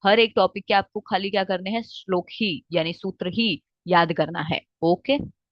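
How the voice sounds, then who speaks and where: A woman teaching a lesson, often pausing to check in with "theek hai" and reciting verses slowly. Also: on the low side, no room sound. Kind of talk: explaining lesson with Hindi-English mix. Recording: dry, slightly dull recording.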